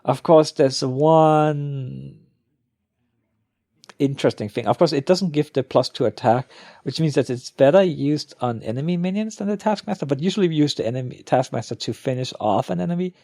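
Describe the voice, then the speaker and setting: A man's voice: a little high, moderate pace, creaky, mellow, no echo, clean studio sound. A man giving casual, off-the-cuff commentary as a gamer, thinking aloud and often trailing off. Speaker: gamer opening card packs.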